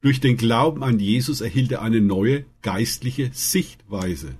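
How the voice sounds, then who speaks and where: A man narrating Bible stories in a calm, earnest way, lifting his voice for the quoted lines. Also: mid-range voice, a little slow, breathy edge. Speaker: Bible storyteller. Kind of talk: scripted Bible story narration.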